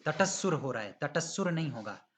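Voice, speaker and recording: A man teaching Sanskrit pronunciation in an online class, patiently correcting students and demonstrating recitation slowly. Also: on the high side, lively intonation, fairly bright tone.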